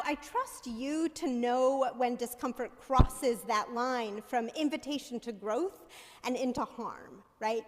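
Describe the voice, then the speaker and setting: Her voice is high as this woman minister preaches into a pulpit microphone in a church sanctuary, measured and conversational in tone. She keeps asking the congregation "right?", and the hall's long reverb lingers around her words.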